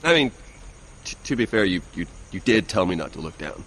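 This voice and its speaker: A man's voice: deep voice, sing-song, a little fast, a bit bright, exaggerated voice. An actor playing a panicky, awkward, self-deprecating young man in a video game, stammering and rambling. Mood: sheepish.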